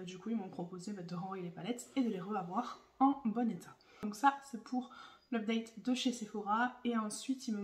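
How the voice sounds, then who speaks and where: A young woman vlogger unboxing makeup in casual chat, gushing and excitable as she talks to her viewers. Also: medium pitch. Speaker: beauty vlogger. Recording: echoey room, voice a bit far from the mic.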